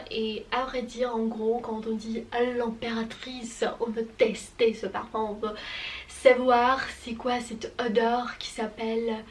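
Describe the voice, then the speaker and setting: A woman talking softly, as if right in your ear, in a casual ASMR vlog. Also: fairly high pitch, far from the mic, a little hiss or hum. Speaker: YouTuber presenting perfumes on her channel. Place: bedroom.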